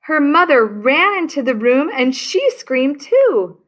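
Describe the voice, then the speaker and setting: A woman teacher reading a children's picture book aloud to her class, telling it with expression. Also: high-pitched. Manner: slow, expressive storytelling.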